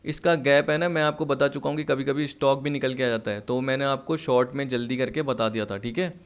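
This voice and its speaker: A man's voice: medium pitch, fairly even intonation, fairly quick, smooth. A man teaching accounts, working through exam questions by asking and answering his own questions, at times short of breath. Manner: asks and answers his own questions, mixing English terms. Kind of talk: solving exam questions on a lesson video.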